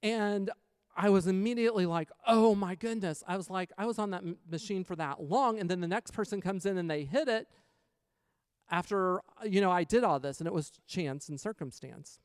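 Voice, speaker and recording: A man tells a personal story in a relaxed sermon style, acting out the voices of the people he quotes. His voice sits a bit high and rings clean and smooth. The sound is dry and close, with no room echo. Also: moderate pace. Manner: animated storyteller, acts out quotes. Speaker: preacher sharing a testimony.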